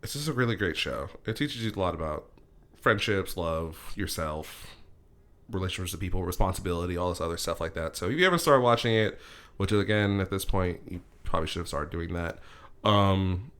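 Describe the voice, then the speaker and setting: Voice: sits low, expressive, brisk, fairly bright tone. A podcast host in a casual chat who rambles through recommendations with lots of fillers.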